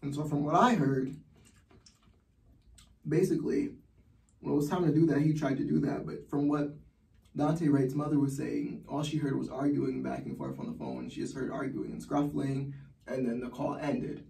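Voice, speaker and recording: A man's voice: medium pitch, moderate pace, creaky, warm tone, far from the mic. A man giving heated, blunt personal commentary as a vlogger, swearing often. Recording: roomy echo, from the mic.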